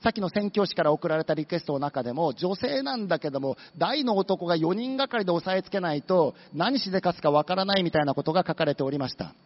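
A man delivers a sermon in a high voice, telling it like a story and briefly voicing the characters as he goes. The recording is dull and muffled, with a long reverb trailing through a church hall. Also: lively intonation. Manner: storytelling, acting out demons with quick asides. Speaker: pastor.

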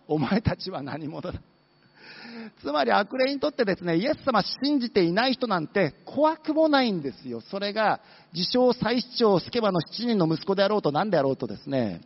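A man delivers a sermon in a high voice, telling it like a story and briefly voicing the characters as he goes. The recording is dull and muffled, with a long reverb trailing through a church hall. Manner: storytelling, acting out demons with quick asides. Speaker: pastor.

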